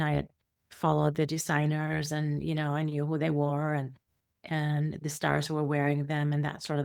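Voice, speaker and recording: Speaking in a low voice with noticeable vocal fry, a middle-aged Icelandic guest rambles through the story of her life, often restarting and leaning on fillers. The interview-style storytelling is captured in a clean studio with no audible room.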